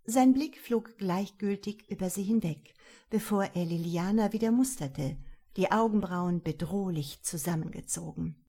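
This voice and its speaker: A woman narrating a novel in an expressive, lively reading voice. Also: medium pitch, a little slow, slightly rough. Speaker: audiobook narrator.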